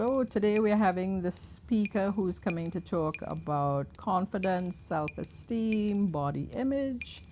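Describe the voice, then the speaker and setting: A woman's voice: on the low side, dark tone, slight background noise. An older woman, chatting and telling stories while teaching a cooking lesson, laughing often. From Trinidad. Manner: laughing, storytelling. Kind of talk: casual cooking show chat. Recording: music bed behind.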